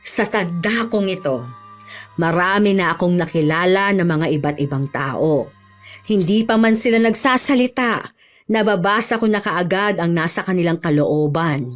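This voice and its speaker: A woman voicing a calm, knowing old woman neighbor in a horror radio drama. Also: on the low side, moderate pace, soft background music, close to an everyday voice. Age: older. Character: shrewd old woman neighbor who reads people.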